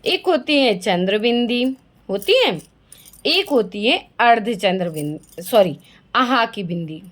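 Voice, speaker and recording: A woman's voice: mid-range voice, expressive, unhurried. A woman teaching a language lesson to young children, asking questions and answering them herself and repeating the key words.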